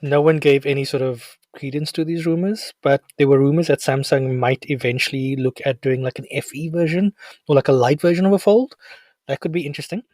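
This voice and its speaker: A man's voice: fairly high pitch, no room sound. A South African man hosting a casual tech podcast, chatting and bantering animatedly with his co-host. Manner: animated, jokey, quick to banter.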